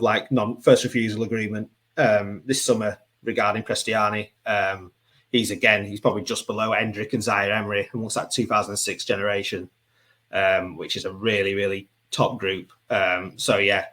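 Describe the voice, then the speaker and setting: A low-pitched man talks through an interview answer. He is conversational and loose, and he often stops and restarts his sentences with fillers. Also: little pitch movement, moderate pace, fairly bright tone. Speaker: football writer and editor.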